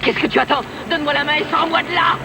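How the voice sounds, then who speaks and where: A woman's voice: sits low, lively intonation, moderate pace, over loud music. A woman playing a stern, controlling older woman in a film drama, with a curt, commanding way of speaking. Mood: desperate.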